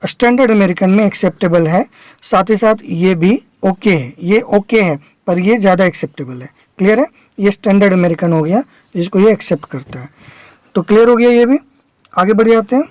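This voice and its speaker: A man's voice: sits high, a little mellow, dry recording, rough recording. A man teaching an exam-prep vocabulary lesson, explaining step by step, repeating his examples and checking that his students understand. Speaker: English teacher.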